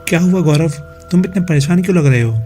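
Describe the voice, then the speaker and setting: A man puts on a caring young wife in a storybook horror tale, soft and questioning, barely shifted from his own mellow, slightly high voice. Faint music sits behind. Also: quick pace, close to an everyday voice. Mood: concerned. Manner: gentle, questioning.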